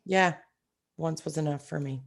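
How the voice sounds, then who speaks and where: A young woman co-hosting a podcast in casual chat, her voice hoarse and raspy, telling things with enthusiasm. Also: deep voice, moderate pace. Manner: animated storytelling, enthusiastic. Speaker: podcast co-host.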